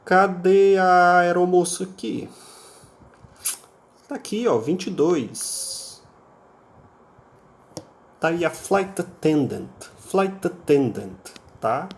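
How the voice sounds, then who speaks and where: A man's voice: high voice, expressive, drawn-out words, long pauses, slight background noise. A man with a Brazilian Portuguese accent teaching an English class, explaining patiently and repeating words over and over to drill pronunciation, often ending phrases with a checking tag. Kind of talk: recorded online English class.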